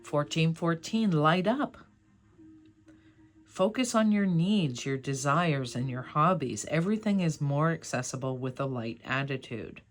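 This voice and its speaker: Slow-paced, encouraging tarot card reader. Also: mid-range voice. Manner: encouraging, affirming, conversational. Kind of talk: casual pick-a-card tarot reading to viewers.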